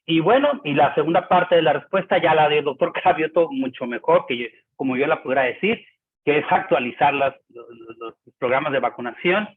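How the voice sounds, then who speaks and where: A man's voice: fairly high pitch, a little fast, husky. A man with a Mexican accent, a physician speaking emphatically on a panel and repeating his points. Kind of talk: panel discussion. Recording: tinny phone-like line.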